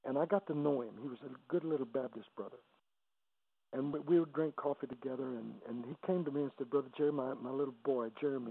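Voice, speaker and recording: A man in his seventies, an evangelist guest, telling emotional testimony stories on a radio interview, halting and repeating words as he goes. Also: medium pitch, creaky, breathy edge. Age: 70s. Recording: dry, phone-like radio line.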